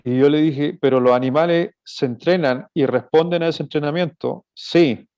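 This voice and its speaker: Gravelly-voiced man preaching on parenting. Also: a little high, moderate pace, a little mellow. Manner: earnest, explanatory, asks rhetorical questions. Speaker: pastor giving a talk on marriage and parenting. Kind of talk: sermon-style lecture. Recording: dull lo-fi recording.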